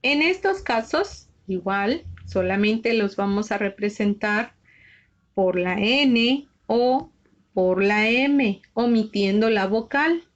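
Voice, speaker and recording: Woman, shorthand teacher, slow and patient, spells each letter out, slightly dull lo-fi sound. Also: on the high side. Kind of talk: slow step-by-step lesson.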